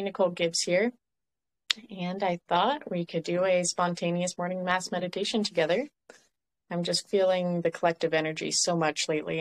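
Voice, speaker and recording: A woman leading a spontaneous guided meditation, speaking slowly and soothingly with pauses. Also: lowish voice. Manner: slow, soothing, unhurried delivery with pauses.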